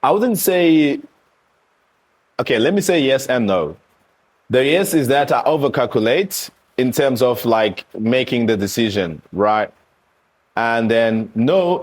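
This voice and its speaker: A thirty-year-old man from Eswatini sits for a candid, casual interview. He talks openly and animatedly about himself, often slipping into quick impressions of other people's reactions in his mid-pitched voice. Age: 30s. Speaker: interview guest.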